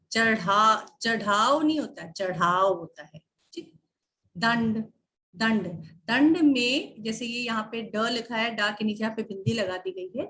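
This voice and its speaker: Woman, teacher, fairly high voice, slow careful enunciation, lesson for schoolchildren. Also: fairly bright tone. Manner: slow, drawn-out enunciation of example words. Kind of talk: spelling and pronunciation lesson. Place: online class video.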